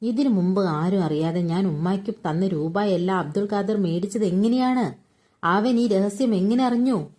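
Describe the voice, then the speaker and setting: A woman reading aloud and voicing a wry, stubborn grown son who argues back quietly. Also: mid-range voice, normal speed, close to an everyday voice. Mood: wry arguing.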